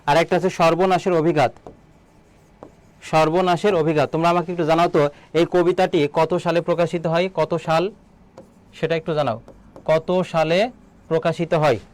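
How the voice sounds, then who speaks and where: A man teaching an online exam-prep lesson, asking students questions, answering them himself and repeating key words slowly. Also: on the high side, steady tone. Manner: quizzes students, then answers his own questions. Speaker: admission exam tutor.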